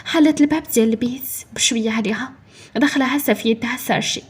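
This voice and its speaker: A Moroccan woman reads a dramatic story aloud at great speed. Her voice sits high and carries a husky edge. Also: fast talker.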